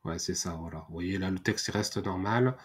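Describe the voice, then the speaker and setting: A man's voice: low voice, moderate pace, slight background noise. A man hosting a screen-recorded tutorial, thinking aloud with many fillers and restarts. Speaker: tutorial host. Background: mouse clicks and typing.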